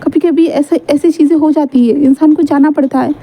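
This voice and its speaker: A woman voicing a kind young woman gently persuading her mother. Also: high-pitched, fairly even intonation, brisk. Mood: gentle persuasion. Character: kind young woman, calm and understanding daughter.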